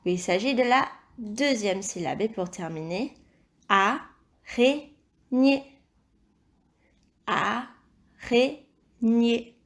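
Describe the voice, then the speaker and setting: A woman teaching a recorded phonics lesson to young children, speaking slowly and carefully, repeating each word and praising the answers. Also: medium pitch, expressive. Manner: slow, careful, encouraging, spells out sounds and syllables. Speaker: primary school teacher.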